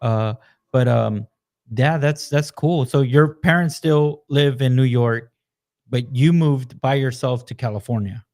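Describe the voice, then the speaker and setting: A Texas-raised man hosts a casual podcast interview, his mid-range voice unhurried and a bit dark in tone. He asks loose, rambling questions sprinkled with "you know."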